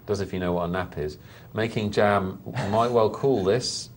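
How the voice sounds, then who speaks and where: A man's voice: fairly low pitch, normal speed, a little hiss or hum. Dry-witted male poker commentator. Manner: dry self-mocking humour. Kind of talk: live poker commentary with banter.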